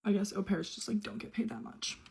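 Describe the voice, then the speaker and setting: A woman's voice: mid-range voice, steady tone, a little fast, creaky, a little mellow, breathy edge. A young woman telling a personal story in a casual, chatty way, full of "like" fillers. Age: young adult. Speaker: au pair telling her story.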